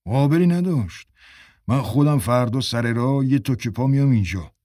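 A man's voice: mid-range voice, expressive, mellow, no room sound, studio quality, lightly acted. A man voicing a friendly, cautious middle-aged man in a story, confiding plans in a reassuring tone.

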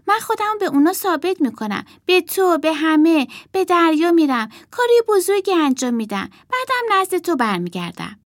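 A woman reading a storybook aloud, voicing an earnest young boy eager to prove himself, with a clearly raised, lively voice. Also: very high-pitched, hardly any pauses, dry recording, clean studio sound, pitched above the performer's own voice. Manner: earnest, boastful, rising to shouts.

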